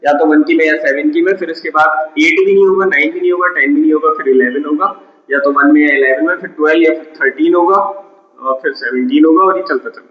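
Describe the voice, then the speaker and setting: A man's voice: a little high, a little fast. A man teaching a math lesson step by step, often asking his students a question and answering it himself. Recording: echoey room, dull lo-fi sound.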